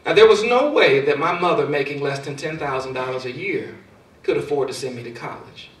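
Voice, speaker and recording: A man giving a motivational speech, telling a personal story, his loudness rising and falling for effect. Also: on the high side, fairly quick. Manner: storytelling with dramatic swings in loudness. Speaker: speaker. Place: large hall. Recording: echoey hall, far from mic.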